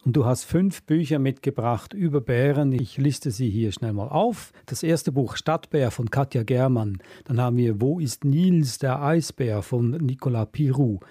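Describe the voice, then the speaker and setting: A male host running through book titles in a brisk, orderly manner. His voice is dark and slightly husky, recorded dry and close. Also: mid-range voice, no echo. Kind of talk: radio-style interview.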